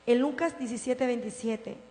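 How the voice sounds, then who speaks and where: A woman pastor preaching a sermon in a church, swinging from impassioned declarations to soft, tender storytelling. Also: on the high side, normal speed. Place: church sanctuary. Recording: reverberant hall with mains hum.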